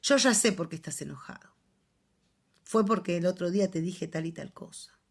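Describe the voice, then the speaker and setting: A woman's voice: fairly low pitch, normal speed. An Argentine-accented woman lectures her psychology students over a video call. She keeps it conversational and joking, with frequent little check-ins with the class. The sound is that of a plain computer microphone. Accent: Argentine Spanish. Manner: chatty, joking, often checks in with "¿sí?". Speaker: psychology teacher.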